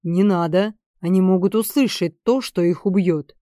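A woman reading a confident male noble conspirator in an audiobook, speaking calmly and unhurriedly with a faintly mocking tone. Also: lowish voice, moderate pace, no echo, clean studio sound, close to an everyday voice.

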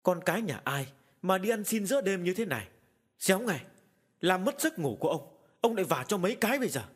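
A man's voice: medium pitch, lively intonation, unhurried, slightly rough. A man doing a domineering old village man. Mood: angry. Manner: barking and domineering, stammering when scared. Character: old rich village man, overbearing, then terrified. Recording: long hall reverb.

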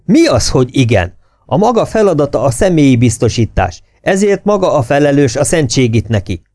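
A man voicing an enraged, near-hysterical British officer who shouts his rebukes. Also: medium pitch, animated, no echo, studio quality, close to an everyday voice. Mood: berating.

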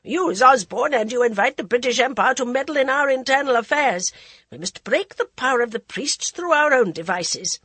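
A woman's voice: high-pitched, normal speed, fairly bright tone, slightly rough, no room sound, voice pushed up. A woman voicing a harsh, commanding old dowager queen. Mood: angry. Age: older. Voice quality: strong, commanding. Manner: harsh, authoritative. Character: imperious elderly dowager queen, harsh grandmother.

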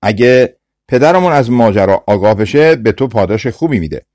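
A man's voice: mid-range voice, sing-song, a little mellow, no room sound, clean studio sound, natural voice. A man voicing an elder prince, a brave young man speaking firmly in a storybook audiobook. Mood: resolute.

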